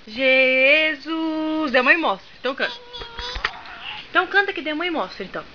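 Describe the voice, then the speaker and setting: High-voiced mom coaxing her toddler. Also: animated, normal speed. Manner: playful, coaxing, bossy commands. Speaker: mother filming her toddler. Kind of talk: home video, coaxing a child to dance. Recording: dull lo-fi home camera, clear background noise.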